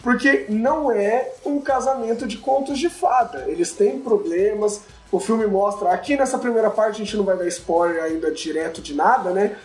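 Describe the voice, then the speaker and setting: A man's voice: high-pitched, normal speed, few pauses. A man co-hosting a casual film chat, slangy and enthusiastic as he talks through scenes. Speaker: podcast co-host. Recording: roomy echo.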